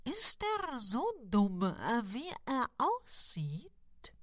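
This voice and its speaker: A woman's voice: huge pitch swings, fairly bright tone, dry recording, studio quality, exaggerated voice. A woman voicing a pompous, grumpy old male sorcerer in a storybook reading, dragging out her words theatrically. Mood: slow, mocking. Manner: drawn-out, theatrical, shifting pitch.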